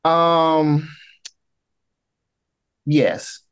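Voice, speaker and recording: A man's voice: a little high, extremely slow, a bit bright, clear, resonant tone. A man with a Southern accent, a book editor answering interview questions earnestly and repeating phrases for emphasis.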